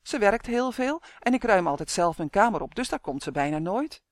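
A woman's voice: medium pitch, very animated, normal speed, no room sound, clean studio sound, close to an everyday voice. A woman reading an audiobook, voicing a timid, worried young boy who speaks hesitantly. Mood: earnest. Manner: hesitant and gloomy. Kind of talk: audiobook character voice.

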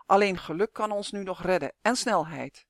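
A man voicing a gruff, doubtful male gnome in a read-aloud fantasy story, questioning and growling. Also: high voice, normal speed, fairly bright tone, no room sound, clean studio sound. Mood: grim.

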